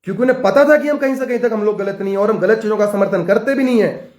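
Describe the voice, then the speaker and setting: A man's voice: sits high, very fast, a little mellow, echoey room. A young man from Uttarakhand, a student leader, giving an impassioned political address to camera with fiery, repetitive rallying rhetoric. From Uttarakhand, India.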